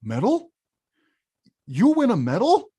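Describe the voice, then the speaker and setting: At an animated film table read, an actor voices a big, stubborn, frustrated video-game villain who craves respect. His delivery is emphatic and blustering, slow and exaggerated, with a medium pitch and a slightly rough edge. He sounds eager.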